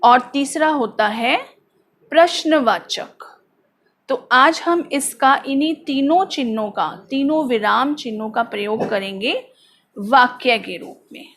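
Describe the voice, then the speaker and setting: A woman teaching a grammar lesson, explaining step by step and reading example sentences aloud slowly and deliberately. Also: high-pitched, fairly bright tone.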